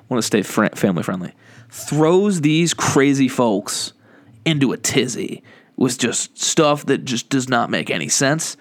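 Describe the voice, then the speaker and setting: A man chats casually into a podcast mic, slow and unhurried. His pitch rises and falls widely as he rambles, restarts his sentences and leans on fillers. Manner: rambling, laughs often, many fillers and restarts. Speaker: podcast host. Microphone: studio microphone.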